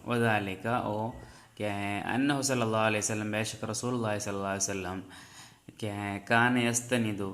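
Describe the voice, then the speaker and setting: A man teaching a religious lesson, reading an Arabic text aloud and explaining it line by line. He often pauses to search for words and keeps asking whether his students have understood. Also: medium pitch, fairly bright tone. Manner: checks understanding with frequent "understood?"; halting, searching for words with fillers.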